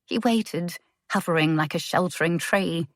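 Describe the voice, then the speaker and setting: A woman narrating a romance audiobook in a measured, gentle way. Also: on the low side, no room sound, clean studio sound. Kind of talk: scripted narration.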